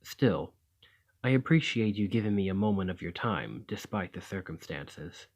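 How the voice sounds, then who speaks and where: Here the same kind of role appears again: a man voicing an ancient vampire gentleman for a scripted ASMR piece, tired yet gracious, speaking in a measured, formal, old-world manner. The low voice is expressive, carrying a polite, regretful mood.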